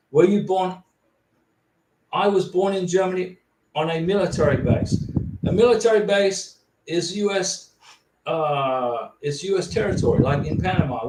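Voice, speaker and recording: A man hosting a livestream, reading out viewer questions and answering them directly in a casual manner. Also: fairly high pitch. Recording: roomy, distant and noisy.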